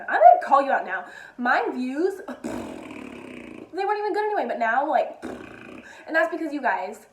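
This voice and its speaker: A young woman vlogging in a casual, giggly, self-deprecating way. Her voice sits a little high, and the room around her is echoey. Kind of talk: casual storytime vlog.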